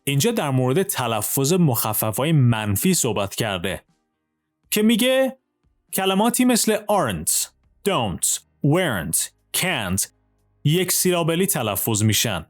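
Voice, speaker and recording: Lively man teaching English. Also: fairly high pitch, soft background music. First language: Persian. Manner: reads English examples slowly and carefully, then translates; drills single words twice each. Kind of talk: language lesson, explaining in Persian.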